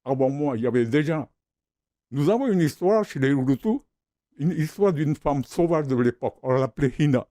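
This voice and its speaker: A man's voice: fairly high pitch, animated, normal speed, mellow, dry recording. An older man from the Austral Islands, a guest in a TV studio, telling stories and repeating words as he searches for them. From Austral Islands, French Polynesia. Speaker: founder of the crafts service, guest. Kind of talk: reminiscing studio talk.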